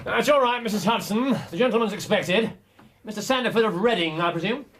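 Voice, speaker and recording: An actor playing a genial, loyal English gentleman doctor in a radio drama, courteous and conversational. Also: high voice, brisk. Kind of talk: British radio drama acting.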